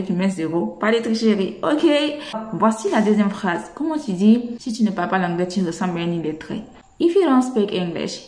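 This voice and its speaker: A woman teaching English in a casual, chatty, teasing way, slowing down to drill pronunciation. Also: mid-range voice, darkish tone. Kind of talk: casual spoken lesson. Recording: echoey room.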